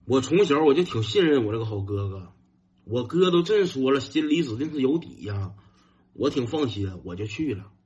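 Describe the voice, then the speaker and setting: Animated Northeastern Mandarin comic storyteller. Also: male voice, fairly quick. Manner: animated, self-mocking, jumps into high, whiny shouts. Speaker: stand-up comedian. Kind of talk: stand-up storytelling.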